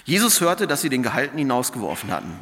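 A man reads scripture aloud at a church service and closes with a short prayer. His delivery is measured but expressive, with pitch that rises and falls freely. A long reverb from the church space follows his words. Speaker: scripture reader. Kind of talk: Bible reading and prayer.

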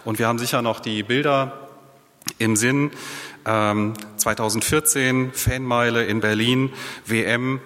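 A man preaching a sermon in a relaxed, conversational way, putting rhetorical questions to his listeners. His mid-pitched voice carries a long reverb, as if he is speaking in a large church hall. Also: unhurried.

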